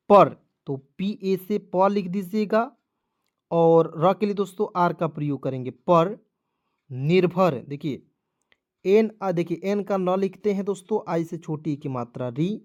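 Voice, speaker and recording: A man giving a step-by-step online spelling lesson, often checking in with his viewers and repeating each step. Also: sits high. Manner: repetitive, addresses viewers as friends, checks with "ठीक है". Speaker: online English tutor.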